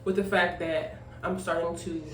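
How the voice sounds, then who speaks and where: Chatting casually at home while grooming, a twenty-five-year-old single mother who vlogs rambles on with lots of fillers and emphatic asides. Her voice is lowish and level in tone, at a moderate pace. She's off-mic in an echoey room, with faint noise.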